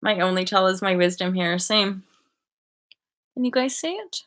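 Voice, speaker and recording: A woman in her thirties hosting a casual live chat from a bedroom, chatty and animated, full of likes and restarts, heard through a webcam mic. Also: medium pitch, moderate pace. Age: 30s. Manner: animated, gestures a lot, laughs often. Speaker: livestream host. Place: bedroom indoors. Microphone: webcam at desk distance.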